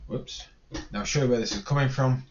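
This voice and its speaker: An engineering lecturer talks fairly quickly at medium pitch while walking through a spreadsheet calculation on a screen recording. He reasons out loud and corrects himself as he goes, on a muffled recording with slight background noise.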